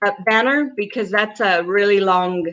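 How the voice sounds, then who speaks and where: A woman's voice: mid-range voice, moderate pace, a bit bright, lo-fi sound. A woman co-hosting a casual livestream chat, talking freely and restarting sentences as she multitasks. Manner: chatty, restarts often while multitasking. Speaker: co-host.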